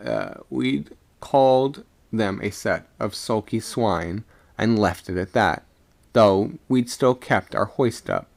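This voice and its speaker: A man voicing a chatty, puzzled ship's third mate in a storybook reading, conversational and halting as he recounts what he saw. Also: on the low side, creaky. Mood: puzzled, emphatic. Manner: conversational, halting, self-correcting. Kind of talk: first-person storybook narration.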